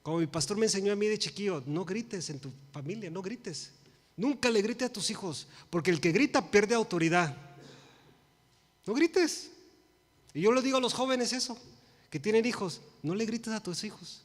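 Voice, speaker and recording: A man in his forties preaches a sermon in Spanish in a fairly high, animated voice at a fairly quick pace, sprinkling in English phrases. He swings from loud emphasis to hushed pleas, and the church sanctuary gives his voice a long reverb.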